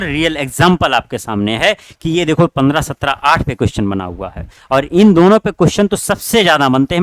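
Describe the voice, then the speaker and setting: A man's voice: a little high, dry recording. A man teaching an online exam-prep class, working through test questions and urging his students again and again. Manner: repetitive, urging students directly.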